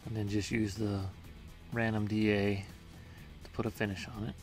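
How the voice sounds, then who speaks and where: A home workshop maker narrates his own build in a casual voice-over, walking through each step plainly and matter-of-factly with small hesitations. His voice sits fairly low and stays flat, moving at a normal speed. Faint music plays behind him.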